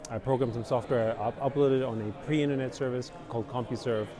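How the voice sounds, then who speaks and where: A middle-aged Austrian company founder, interviewed outdoors at a busy conference venue, talks a little fast at an ordinary middle pitch. His relaxed, rambling answers run long and are full of fillers like "you know" and "basically," with clear crowd chatter behind him.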